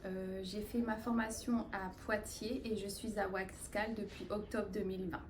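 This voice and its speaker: A woman's voice: mid-range voice, flat delivery, normal speed, reverberant, distant mic, a little hiss or hum. A woman in her thirties who works in a clothing store, describing her daily tasks simply. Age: 30s. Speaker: store staff. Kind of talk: corporate job interview testimony.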